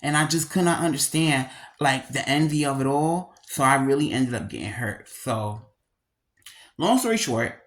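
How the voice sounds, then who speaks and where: A speaker in their thirties talks straight to viewers in a casual, confessional vlog style. The medium-pitched voice carries a slight lisp from missing front teeth. The delivery is candid, slangy and emphatic, with words repeated to drive points home. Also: expressive, normal speed. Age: 30s. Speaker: video creator.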